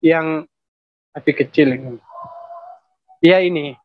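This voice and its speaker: A man with a Papuan Indonesian accent giving an emotional personal testimony, talking in halting phrases that repeat and often address the listener as sir. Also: a little high, dry recording, narrow, tinny audio. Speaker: testimony giver.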